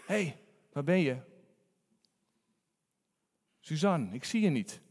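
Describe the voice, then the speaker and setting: A man's voice: on the high side, sing-song, slow pace, creaky, heavily acted. A preacher voicing God as a male deity calling out with longing, heard with a long hall reverb. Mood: coaxing. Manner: loud, yearning calls.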